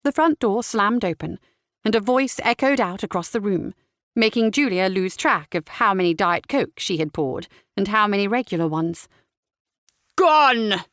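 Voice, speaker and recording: A woman's voice: mid-range voice, normal speed, a bit bright, dry recording, studio quality. Woman narrating a cozy mystery. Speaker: audiobook narrator. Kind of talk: scripted narration.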